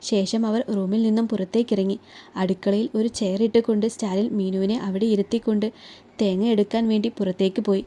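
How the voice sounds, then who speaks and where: Mellow woman reading a love story. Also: mid-range voice, flat delivery, a little fast. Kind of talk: scripted narration.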